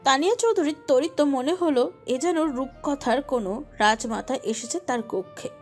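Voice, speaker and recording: A woman narrating a romantic audio story with expressive, emotive delivery. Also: high-pitched, moderate pace, soft background music.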